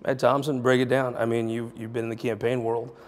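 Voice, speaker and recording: A man hosting a political talk show, interviewing a guest and then leading a panel in quick, joking conversation. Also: mid-range voice, little pitch movement, in a large hall.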